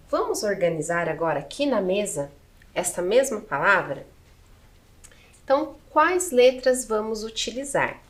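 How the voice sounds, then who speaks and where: In a video lesson, a mid-range female voice with a Brazilian Portuguese accent belongs to a Brazilian teacher who patiently sounds out letters and syllables individually.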